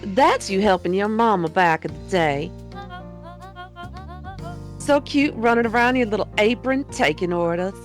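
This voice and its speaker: A woman's voice: mid-range voice, lively intonation, a little slow, pauses often, soft background music, close to an everyday voice. A woman voicing a doting older diner lady in a video game, fussing over people in a motherly, guilt-tripping way. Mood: wistful, sorrowful. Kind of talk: reading video game dialogue in character.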